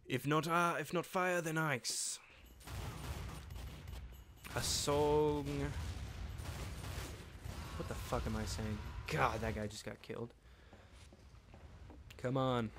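A man talks through a game session in a loose, rambling way. His voice sits at an ordinary middle pitch, and he jokes to himself as he plays. A faint hiss runs underneath. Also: slow, pauses often, a bit bright. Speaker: gameplay commentator. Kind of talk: casual let's-play commentary.

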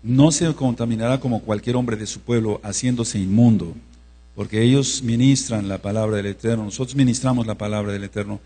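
A man from Mexico giving a teaching sermon as pastor, who checks in with the congregation and slowly spells out words. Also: on the low side, steady tone, warm tone. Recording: reverberant hall with mains hum.

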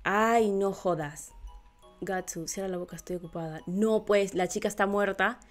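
A woman reading a manga aloud and reacting casually, swinging between loud exclamations and soft murmurs. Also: medium pitch, normal speed, soft background music.

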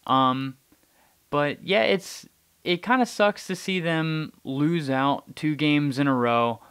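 Young male podcast host, smooth clear tone, casual halting delivery, close mic. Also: fairly high pitch, fairly bright tone. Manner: halting, repeats words while thinking. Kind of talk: casual sports chat.

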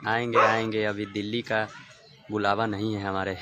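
A man with a Bhojpuri accent speaks softly in a low voice, greeting his viewers one by one in a relaxed live stream. He talks at an unhurried, slow pace and chuckles often. A steady hum of background noise sits under his voice. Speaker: singer and songwriter.

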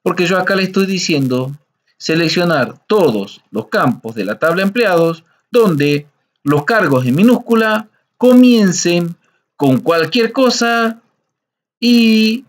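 Man, fairly high voice, unhurried teacher patiently walking through a coding lesson. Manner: patient, slow, explains step by step, frequent "¿sí?" checks.

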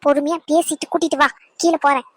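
A woman's voice: sits high, fairly even intonation, quick pace, no echo, lightly acted. A woman voicing a young woman in a cartoon who coaxes and persuades a friend. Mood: coaxing. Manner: coaxing, persuasive.

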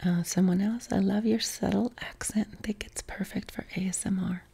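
An ASMR creator from West Virginia, a woman with a softened Appalachian accent, sits on a living room couch doing a whispered Q&A chat. Her unvoiced whisper is unhurried and full of ums, with medium pitch, a steady tone, and a creaky, husky quality. She is close-miked, with the camera framed on her torso.

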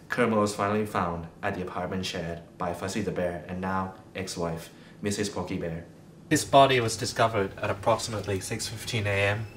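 A man's voice: a bit bright, natural voice. A young man playing a solemn TV newsmagazine anchor, narrating a parody documentary with grave, melodramatic delivery. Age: young adult. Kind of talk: scripted mock news documentary narration. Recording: roomy sound with rumbling noise.

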